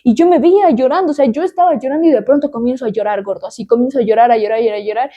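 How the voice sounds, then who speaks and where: A young woman tells a personal story to a friend, her voice high and warm rather than bright. She repeats words for emphasis and acts out gasps and cries as she goes. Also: very fast, highs cut off. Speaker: podcast host.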